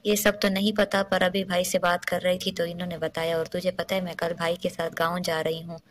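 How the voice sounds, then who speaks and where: A woman's voice: fairly low pitch, level tone, fairly quick, a little hiss or hum, close to an everyday voice. Woman voicing a worried caring young friend.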